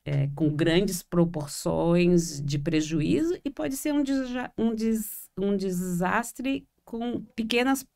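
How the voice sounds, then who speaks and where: A woman's voice: medium pitch, animated, takes it slowly, gravelly, few pauses, a little mellow. A woman from Florianópolis with its local accent, a therapist co-hosting a podcast, talking reflectively and hesitantly with many fillers. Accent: Florianópolis Portuguese. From Florianópolis, Brazil. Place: small room with three people.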